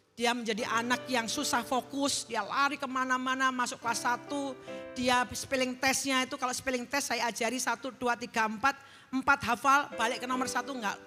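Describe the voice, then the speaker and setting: Speaking in a pushed, bright voice on the high side, a middle-aged woman preaches to a congregation in a large church hall. Her sermon centers on an earnestly told personal testimony with call-and-response, and the recording carries reverb and faint music.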